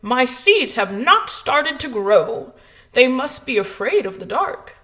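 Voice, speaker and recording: A woman voicing an impatient, earnest toad in a children's storybook, with loud, drawn-out emphatic delivery. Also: high voice, sing-song, full character voice. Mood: frustrated, worried. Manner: loud, emphatic, stretched-out exclamations. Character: impatient, earnest toad fretting over his garden seeds. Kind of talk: children's storybook read-aloud.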